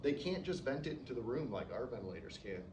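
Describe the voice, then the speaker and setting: A man's voice: mid-range voice, sing-song, fast. A man teaches a class in a loose, chatty way, tossing in "okay?" after nearly every point. He is recorded from across a roomy classroom, with noise under his voice and a distant, echoey sound. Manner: casual, peppers sentences with "okay?", acts out patients. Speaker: respiratory therapy instructor. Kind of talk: classroom lecture.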